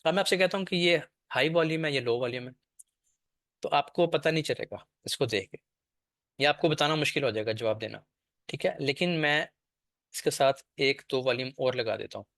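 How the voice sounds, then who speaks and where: A man's voice: mid-range voice, fairly quick, a bit bright, no room sound, studio quality. A man teaching a trading class over a screen share, explaining step by step and often checking that the listener follows.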